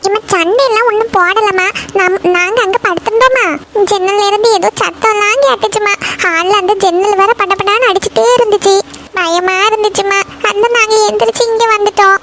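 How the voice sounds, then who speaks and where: A woman's voice: extremely high pitch, fairly even intonation, fairly quick. A woman voicing a young girl in a cartoon, scared and pleading with her mother. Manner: whiny and pleading. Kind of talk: cartoon voice acting.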